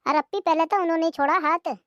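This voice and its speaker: Woman doing a defiant young cartoon daughter-in-law, cheeky, high-pitched, dry recording. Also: fast, a bit bright, no room sound, lo-fi sound. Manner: cheeky, talks back. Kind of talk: cartoon voice acting.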